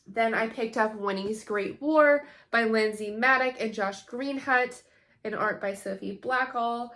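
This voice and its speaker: A young woman with a bright, clear tone talks through her latest book haul in an easy, chatty way. She sounds eager and upbeat, sprinkling in ums as she goes. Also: fairly high pitch, unhurried. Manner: enthusiastic, chatty, frequent ums. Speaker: homeschool book vlogger. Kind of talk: casual book haul chat.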